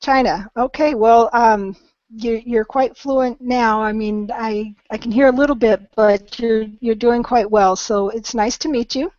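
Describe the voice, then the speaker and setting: A woman's voice: a little high, steady tone, measured pace, darkish tone, no room sound, dull audio. Patient woman teaching English online. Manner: patient, encouraging, many ums. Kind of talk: live online English lesson.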